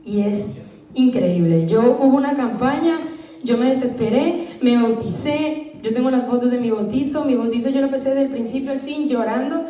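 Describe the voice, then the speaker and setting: A woman's voice: fairly high pitch, normal speed, dark tone. A woman giving an earnest, emotional personal testimony to a church congregation. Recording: echoey room, voice from far off.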